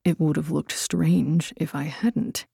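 A woman voicing a guarded young warrior who speaks in hushed, clipped whispers. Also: low voice, slow, gravelly, breathy edge, no room sound, clean studio sound, exaggerated voice. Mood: hushed, wary.

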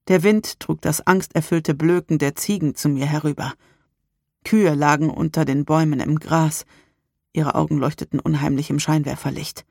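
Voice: mid-range voice, dry recording. A reader giving a tense, dramatic first-person audiobook narration on a close studio mic.

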